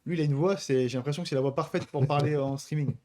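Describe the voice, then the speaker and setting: Fast-talking man with a lisp. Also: a little high, mellow. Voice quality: lisp, slushy s sounds. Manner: stammers at times. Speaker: co-host of a combat sports stream. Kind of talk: casual live-stream chat.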